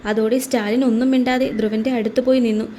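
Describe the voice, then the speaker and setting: A woman narrates a scripted romance story with steady, expressive reading. Her voice sits high and sounds soft and mellow. A faint hiss stays under the voice. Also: fast.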